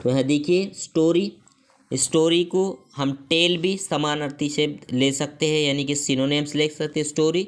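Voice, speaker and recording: A teacher with an Indian accent giving an online English lesson, reading each definition slowly in English and then explaining it in Hindi. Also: medium pitch, fairly even intonation.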